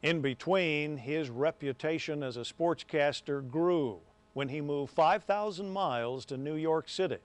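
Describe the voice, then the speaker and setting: A man's voice: a little high, a little slow, few pauses, no room sound. A man, a longtime sports anchor, narrating a television news tribute in a reminiscing storytelling way.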